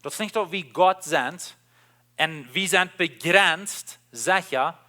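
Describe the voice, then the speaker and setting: A male preacher with a high, bright voice delivers a sermon at an unhurried pace. He stresses his points by repeating key phrases. He slips between languages mid-sentence.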